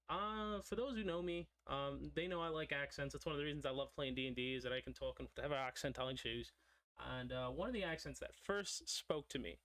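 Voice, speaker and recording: A young man with a slightly high, fairly bright voice streams while drawing a character. He chats casually, rambling and drifting off into digressive side stories.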